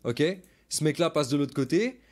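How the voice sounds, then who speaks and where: With a fairly high, a little mellow voice that swings widely in pitch, this man talks at a moderate pace into a desk mic at his computer. He coaches a live-stream audience through football film casually, restating his main points and stopping at times to reply to comments.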